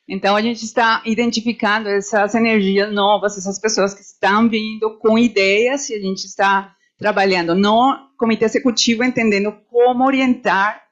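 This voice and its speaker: Earnest woman panelist, muffled sound. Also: medium pitch. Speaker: panelist, executive committee member. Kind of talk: spontaneous panel talk. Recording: dull, muffled event recording.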